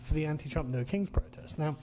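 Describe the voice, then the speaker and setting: A man's voice: fairly high pitch, fast. A man giving casual, wry video commentary from a temporary room while travelling, with his voice echoing around him. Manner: wry, amused. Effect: echoey room sound. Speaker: online commentator.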